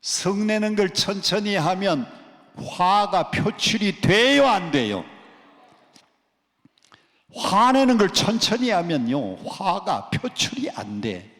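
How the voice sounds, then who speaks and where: Animated Korean pastor in an echoing hall. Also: male voice, high-pitched. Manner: call-and-response preaching, drawn-out emphatic lines. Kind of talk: sermon. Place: church sanctuary at a prayer retreat. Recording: long church hall reverb.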